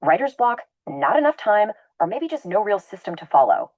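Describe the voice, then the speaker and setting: A woman's voice: medium pitch, sing-song, normal speed, no room sound, highs cut off. A woman narrating a scripted explainer video in an upbeat, conversational presenter tone.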